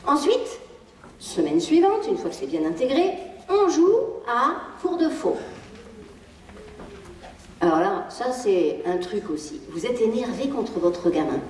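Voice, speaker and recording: Lively French woman lecturing in an echoey hall. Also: on the high side, a little slow, pauses often, slight background noise. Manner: lively, playful, acts out quoted lines, laughs often. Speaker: speaker giving a public lecture on child emotions. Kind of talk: live conference talk. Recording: echoey hall, distant mic.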